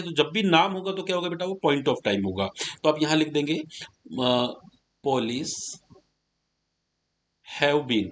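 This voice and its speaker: Patient male grammar teacher, slightly high voice. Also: fairly bright tone, a little hiss or hum. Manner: patient, explains step by step, asks students questions; slows down to dictate English words one at a time. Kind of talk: classroom lesson in spoken Hindi.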